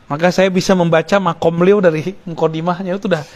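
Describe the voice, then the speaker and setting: Man, preacher, Sufi study circle, fairly high voice, explains Arabic terms, jokes with listeners. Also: steady tone, quick pace, a little mellow. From Indonesia. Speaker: Islamic preacher.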